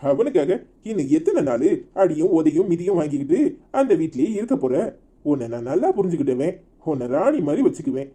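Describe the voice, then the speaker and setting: A sly village man from a Tamil cartoon, speaking with a Tirunelveli accent. His voice is husky and mellow, and it swings a lot in pitch as he coaxes and bullies. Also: very animated, brisk. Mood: coaxing. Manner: coaxing, then bullying. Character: scheming married man, smooth-talking then threatening. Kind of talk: cartoon voice acting.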